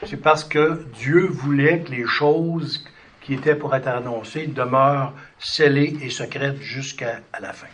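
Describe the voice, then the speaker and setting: A man's voice: mid-range voice, fairly even intonation, measured pace, fairly bright tone, slight background noise. A man preaching in a conversational way. He breaks off into fillers and restarts and reads scripture aloud. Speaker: preacher teaching a Bible study. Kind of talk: sermon-style Bible teaching.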